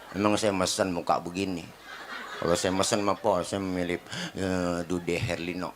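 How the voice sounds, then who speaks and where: A man's voice: deep voice, little pitch movement, normal speed, background noise. A man with a Betawi accent giving a comic sermon, teasing and joking with the crowd in slangy talk. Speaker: preacher. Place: gathering with a live audience. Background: audience laughter.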